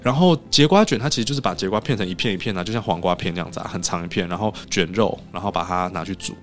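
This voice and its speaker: A man's voice: low voice, very fast, soft background music. A man from Taiwan, a podcast guest telling stories in casual chat and acting out what people said. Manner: animated storyteller who acts out quoted dialogue.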